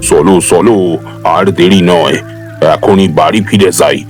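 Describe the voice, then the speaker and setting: A man's voice: low voice, a little slow. A man voicing a cautious village husband in a cartoon, urging them to head home. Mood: uneasy. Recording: cartoon dialogue under loud background music.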